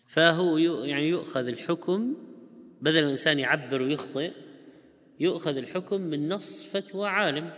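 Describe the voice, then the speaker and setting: A man giving a religious question-and-answer lecture, who reads out listeners' questions quickly and then explains them at length. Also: fairly high pitch, fairly bright tone, big-room sound.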